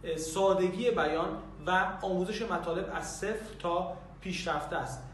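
A man giving an eager promotional pitch for a course, repeatedly calling his listeners dear friends. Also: slight background noise. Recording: echoey room, voice far off.

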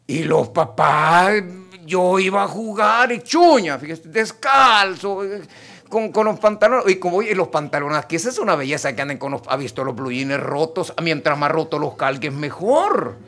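A middle-aged male pastor delivers an emphatic sermon. His fairly high voice rises and falls in a lively way as he speaks straight to the congregation. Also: moderate pace. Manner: emphatic preaching, addressing the congregation directly.

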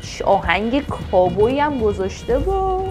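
A woman gaming vlogger translating game dialogue aloud as she plays, halting and thinking aloud. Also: fairly high pitch, sing-song, over music. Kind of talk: live translation over gameplay.

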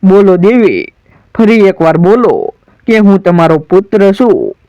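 A solemn, declamatory warrior son pleads with sorrow, as a man storyteller recites him. The voice sits high and moves slowly, smooth and clear. It sounds dry and close, with no room around it. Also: sing-song, mellow, no room sound, muffled recording, full character voice. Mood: yearning. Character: grieving proud warrior son, adult man.

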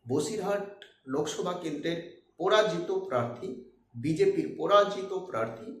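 A man's voice: high voice, expressive, normal speed, a bit bright, echoey room. A man giving impassioned political commentary, talking emphatically to his viewers.

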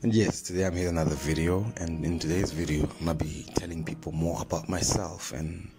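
A young Zimbabwean man with a deep, steady voice talks fast in a Zimbabwean accent, telling stories casually to camera as a vlogger and drift fan page host. He holds a phone close to his mouth in a small, plain indoor room, with background music playing.

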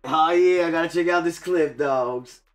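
A man talks casually to his livestream audience, relaxed and slangy, calling viewers bro and dog. His voice sits a touch higher than most men's. Faint music runs underneath. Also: normal speed. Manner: laid-back, chatty, slangy, addresses viewers as bro and dog. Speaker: game streamer.

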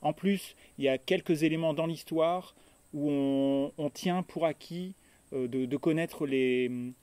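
A book vlogger on holiday in Tuscany talks about books in a relaxed review vlog, hesitating often and leaning on fillers. His voice is a little high and darkish, delivered at a measured pace, and the recording has no room sound.

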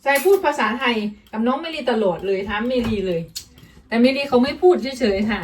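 A woman's voice: fairly high pitch, expressive, fairly quick, far from the mic, a little hiss or hum. A woman chatting casually to her viewers as she cooks at home, addressing them as family. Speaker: vlogger. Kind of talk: casual chat while cooking. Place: home kitchen.

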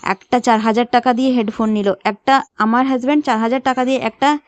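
A woman's voice: fairly high pitch, steady tone, fast talker, no room sound. A young woman chatting in a casual vlog, talking straight to her viewers. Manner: chatty, emotional, upset in later parts. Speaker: vlogger.

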